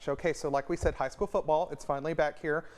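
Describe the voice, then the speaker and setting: A man's voice: a little high, fairly even intonation, quick pace. Easygoing male news anchor. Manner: joking, easygoing. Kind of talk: morning news and casual co-host chat. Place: local TV news studio.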